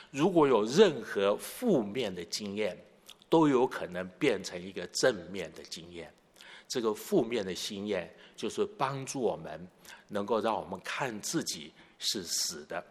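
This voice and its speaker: Male pastor, teaching-style sermon, asks the room questions; reverberant hall sound. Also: lowish voice. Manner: expository, poses rhetorical questions.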